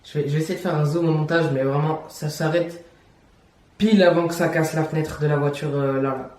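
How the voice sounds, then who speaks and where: A man's voice: on the high side, fairly even intonation, fairly quick, a little mellow, recorded from a distance. A young man, chatting casually as he reacts to videos, laughing and repeating himself. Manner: chatty, laughs often, repeats phrases, slangy. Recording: roomy echo, voice set back from the mic.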